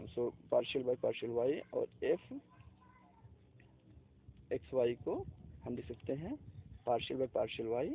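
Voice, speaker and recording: A man's voice: a little high, vocal fry, husky. A man teaching a math lesson step by step, mixing in English terms and asking and answering his own questions. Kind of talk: classroom math lecture. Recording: tinny lo-fi, phone-like recording.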